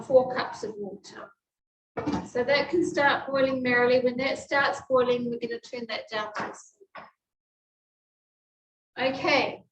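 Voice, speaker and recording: With a slightly high voice, a New Zealand woman leads a live cooking class, explaining every step as she cooks in her kitchen. There's a bit of hiss or hum, and the distant mic makes the kitchen sound echoey.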